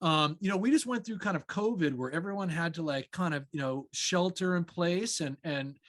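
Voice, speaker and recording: An upbeat man hosts a friendly online interview, chummy with his guest. His voice sits a little higher than most men's. The sound is close and dry. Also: normal speed, a bit bright, no room sound. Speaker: interview host. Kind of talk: casual interview hosting.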